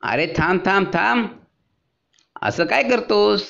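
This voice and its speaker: A man's voice: high voice, takes it slowly, creaky, a bit bright, muffled recording, pitched above the performer's own voice, exaggerated voice. A man voicing a busy grown washerman in a storybook, protesting in an exasperated way. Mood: annoyed. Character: busy grown male washerman, brushing off then giving in.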